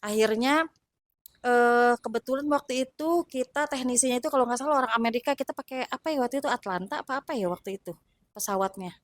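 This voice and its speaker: A woman recounting her time as a flight attendant in a casual, halting way with many fillers. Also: a little high, dry recording, clean studio sound. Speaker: former flight attendant guest. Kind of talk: casual storytelling.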